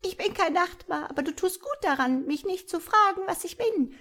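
A woman doing a tiny piping ancient sprite. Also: lively intonation. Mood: brisk. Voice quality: soft high piping voice. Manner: brisk, bossy, quick to answer. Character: tiny ancient bearded male sprite, quick, brisk. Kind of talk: storybook reading.

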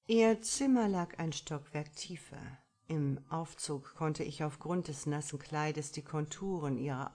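Woman with a pretty low voice narrating an audiobook, steady and expressive. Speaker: audiobook reader. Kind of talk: scripted first-person story narration.

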